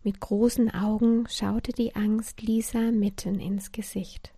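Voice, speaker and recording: A woman reading a bedtime story, softly and often half-whispered. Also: mid-range voice, level tone, takes it slowly, husky, no room sound, studio quality.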